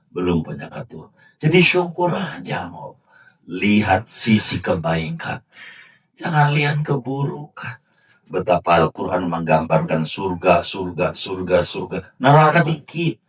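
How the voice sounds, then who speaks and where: A man preaching, telling jokey stories and acting out characters in loud, high bursts. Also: breathy edge. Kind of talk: mosque sermon with acted anecdotes. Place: mosque prayer hall. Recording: distant mic in a mosque.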